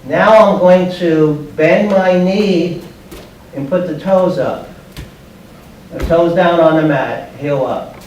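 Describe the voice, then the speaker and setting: A slightly high, a little mellow voice belongs to an older man of about sixty, who speaks at a slow pace while demonstrating judo. His guidance comes in short, plain steps. Recorded from afar by a camera microphone in a big, bare, padded training room, the audio is echoey with background noise.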